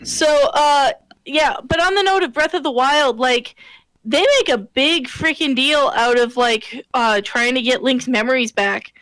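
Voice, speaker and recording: A woman's voice: high-pitched, a little slow, a bit bright, no echo, poor audio. A woman co-hosting a casual gaming podcast, rambling with lots of fillers and restarts. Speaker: podcast co-host.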